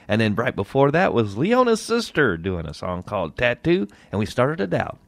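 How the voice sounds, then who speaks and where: A man hosting a radio show, introducing songs in a folksy, lively way. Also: mid-range voice, normal speed, vocal fry, no echo. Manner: lively, folksy, plays up his lines. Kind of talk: casual radio chat and song intros.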